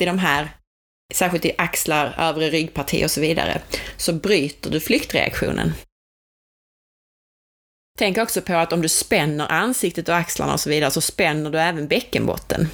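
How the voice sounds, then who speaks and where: Calm female instructor, slightly low voice, steady coaching delivery. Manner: calm, explanatory, gently coaching. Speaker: childbirth educator. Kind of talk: instructional talk.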